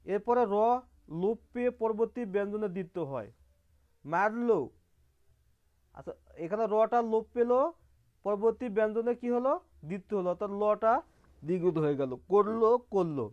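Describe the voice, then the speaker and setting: A man's voice: high voice, animated, normal speed, long pauses, narrow, tinny audio. A man teaching grammar over slides, explaining step by step and repeating key terms, asking questions and answering them himself. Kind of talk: online slide lesson.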